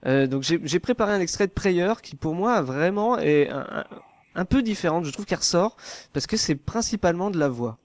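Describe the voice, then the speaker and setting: A man's voice: high voice, animated, a little fast, no room sound. A man hosting a casual podcast interview, talking with many fillers and restarts. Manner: hesitant, lots of fillers and restarts. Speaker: podcast host.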